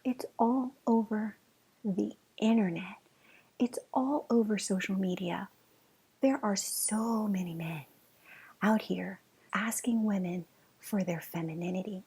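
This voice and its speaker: A woman's voice: medium pitch, measured pace, darkish tone, slightly rough. A woman hosting a casual solo podcast as a relationship coach, talking playfully and directly to the listener.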